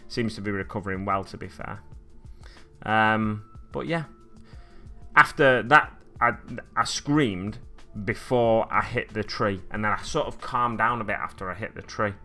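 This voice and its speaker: Speaking from his hobby desk at home, with a glass cabinet behind him and soft music playing, a man hosts a livestream, painting miniatures while he rambles through stories and chats with viewers. His slightly scratchy voice sits fairly low, with a bright, forceful tone and a measured pace.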